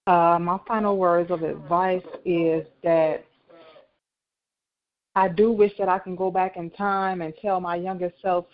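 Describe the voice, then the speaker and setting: A woman's voice: lowish voice, flat delivery, measured pace. Woman on a clipped phone line. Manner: reflective, earnest, with some restarts. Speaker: radio show guest on the line. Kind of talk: call-in radio chat.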